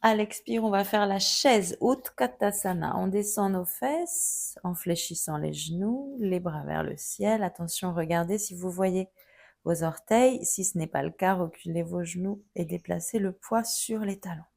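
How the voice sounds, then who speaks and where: Slow, gravelly-voiced woman yoga teacher. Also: fairly low pitch. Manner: calm, gently guiding cues. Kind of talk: guided yoga instruction.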